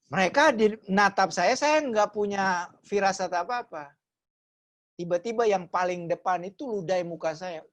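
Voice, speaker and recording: A pastor giving a testimony sermon over a video call, telling the story with lively acted quotes that swing between loud and soft. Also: male voice, high-pitched, normal speed.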